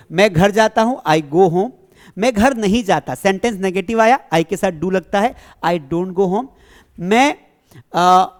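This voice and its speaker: A man teaching an English grammar lesson to a class. He keeps checking that the students follow, and he asks questions and then answers them himself. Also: high voice. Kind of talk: classroom lesson explaining tenses.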